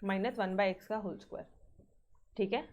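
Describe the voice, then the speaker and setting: A woman's voice: medium pitch, fairly even intonation, moderate pace, a little mellow. A woman teaching a maths class, mixing Hindi with terms, often checking in with her students and sternly reminding them to practise. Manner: mixes Hindi with English terms.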